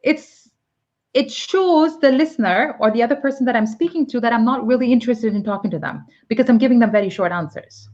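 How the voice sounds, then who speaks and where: On a live online English lesson, a woman from Pakistan chats her way through explanations and examples, using many fillers. She speaks on the high side and a little fast, with a darkish tone and dull audio.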